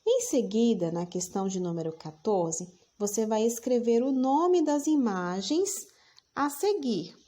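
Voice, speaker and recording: A woman teacher, giving a recorded lesson for children and dictating words slowly, repeating each one. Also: on the high side, expressive, dark tone.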